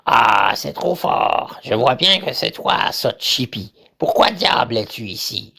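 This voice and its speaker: A man playing a pompous, cowardly usurper king in a stage farce, with gravelly, menacing evil-emperor bluster. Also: mid-range voice, sing-song, slow, pushed and bright, full character voice. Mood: scornful, pompous. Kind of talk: theatrical farce acting.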